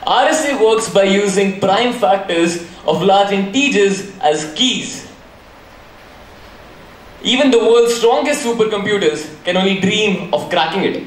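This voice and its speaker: A man's voice: high voice, expressive, a little slow. A man playing a young hacker in a school stage play, dramatic and self-questioning. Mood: explaining. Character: young male hacker, boastful then guilt-ridden. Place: large school hall. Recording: echoey hall from far off, faint noise.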